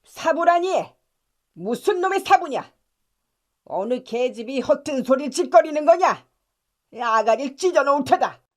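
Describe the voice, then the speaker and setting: A woman's voice: high-pitched, animated, a little slow, long pauses, a little mellow, voice pushed up. A woman voicing a crude blustering bandit. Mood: angry. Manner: gruff threatening bluster. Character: notorious brutal male bandit, blustering and crude. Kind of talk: audiobook character reading.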